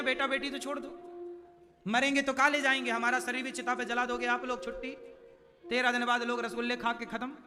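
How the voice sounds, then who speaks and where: A man's voice: very high voice, big-room sound. A man preaching a devotional sermon, telling a scripture story and chanting verses in a sing-song way, with asides to the audience.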